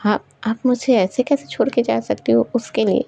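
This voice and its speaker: A woman's voice: on the high side, fairly even intonation, moderate pace, creaky, warm tone, voice pushed up. A woman voicing a hurt younger sister who pleads and reproaches her elder sister. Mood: reproachful. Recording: dull recording, faint music behind.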